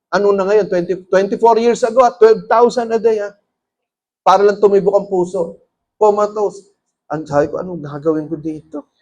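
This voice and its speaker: Man, pastor, high-pitched, lively conversational sermon. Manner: lively, conversational, often laughs. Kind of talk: storytelling sermon.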